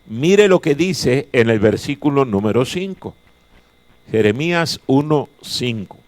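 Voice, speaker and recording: A man's voice: medium pitch, expressive, unhurried, no echo. A male pastor preaching a chapel sermon, emphatic and repeating his key phrases. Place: chapel of a Bible college.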